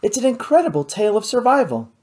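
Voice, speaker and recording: An impulsive young woman scientist bubbling with curiosity, as a woman narrator puts her on. Her voice sits raised and lilting with wide swings in pitch, and the tone stays soft and mellow. A storybook character full of animated enthusiasm. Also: fast talker. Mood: enthused. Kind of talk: audiobook character reading.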